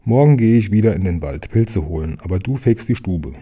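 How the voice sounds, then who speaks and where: A man's voice: deep voice, lively intonation, brisk, dark tone, husky. A man voicing a naive, easily led little tiger in a children's storybook, earnest and childlike.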